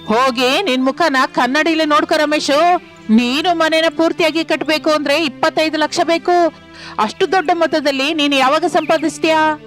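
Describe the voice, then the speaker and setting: A woman's voice: sits high, steady tone, moderate pace, soft background music, lightly acted. A woman voicing an arrogant, wealthy male builder who talks down to others in a cartoon story. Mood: mocking. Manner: mocking, condescending.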